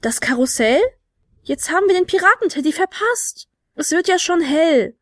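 A woman voicing a bossy, sharp-tongued female friend in a children's story, with a brisk, snippy way of talking. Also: high voice, animated, no echo, clean studio sound.

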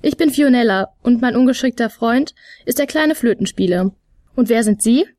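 A polite, flustered young woman apologizes for her clumsy friend, as a woman reads her in a storybook. Her voice is fairly high and sounds dry and close. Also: expressive, moderate pace, warm tone, dry recording, lightly acted. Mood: apologetic.

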